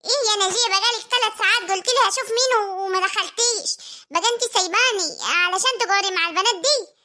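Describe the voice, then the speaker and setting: Woman putting on a shrill bossy old village woman. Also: racing, sharp tone. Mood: bossy, giggly. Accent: rural Egyptian Arabic. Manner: scolding, giggling between words.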